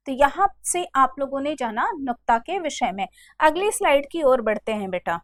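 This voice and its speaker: A woman teaching a Hindi grammar lesson over slides, speaking patiently, repeating examples slowly and calling her students "beta". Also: high-pitched, expressive, no room sound.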